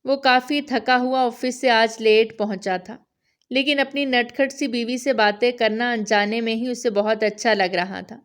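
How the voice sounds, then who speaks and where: Woman narrator for a light romantic audiobook, steady, slightly high voice. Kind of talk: scripted novel narration.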